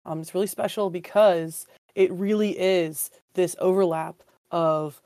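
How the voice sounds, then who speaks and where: Hoarse woman podcaster with a lowish voice. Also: steady tone, measured pace, warm tone, no echo, clean studio sound. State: hoarse, getting over a cold. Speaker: podcast co-host. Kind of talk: casual book discussion.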